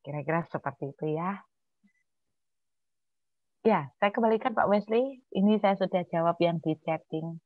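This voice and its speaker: Woman, low-pitched, earnest testimony in a church chat, dry and slightly muffled call audio. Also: normal speed, pauses often, no room sound. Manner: earnest, with frequent filler sounds, softening to hushed tones when quoting herself. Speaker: church speaker answering questions. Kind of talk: casual testimony in an online church discussion.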